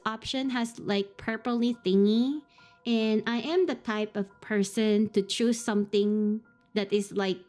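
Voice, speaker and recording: Soft music plays behind a woman whose voice is medium in pitch, steady, a little slow and somewhat dark. Playing a horror visual novel on stream, she reads the text aloud between giggles and startled curses.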